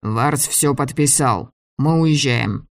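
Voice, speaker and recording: A man's voice: medium pitch, takes it slowly, no echo. A man voicing a stern, angry male school director who gives curt orders, in a dry audiobook reading. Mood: furious. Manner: curt, commanding, shouting.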